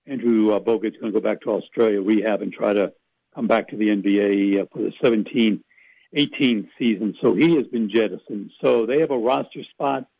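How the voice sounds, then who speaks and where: Calling in to a radio show as a sports reporter, a man with a lowish, fairly quick voice that has a creaky, breathy edge chats casually, rambling into folksy asides. The recording is dry, with the highs cut off.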